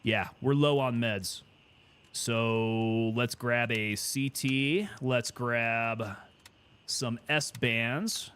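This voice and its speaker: A man's voice: medium pitch, extremely slow, a bit bright, clear, resonant tone. A man giving casual gameplay commentary, thinking aloud and chatting with teammates as he plays. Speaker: gaming streamer.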